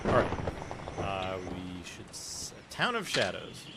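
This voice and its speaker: A man doing casual live commentary as a game streamer, chatty and jokey, thinking out loud. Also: low-pitched, huge pitch swings, takes it slowly, creaky, heavy background noise. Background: loud game music.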